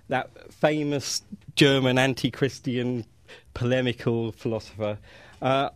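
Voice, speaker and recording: A man's voice: medium pitch, dry recording. Dry-sounding male radio host. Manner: conversational, brief affirming replies. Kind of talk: radio interview. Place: radio studio.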